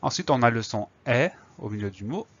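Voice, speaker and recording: A man's voice: mid-range voice, animated, fairly quick, dull audio. A man teaching a spelling lesson, spelling words out letter by letter and explaining each one patiently before a dictation.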